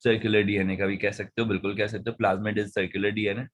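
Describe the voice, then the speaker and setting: In an online lesson mixing Hindi and English, a male biology teacher patiently guides students through past-paper questions. His pitch is fairly low, his tone level, and he speaks quickly.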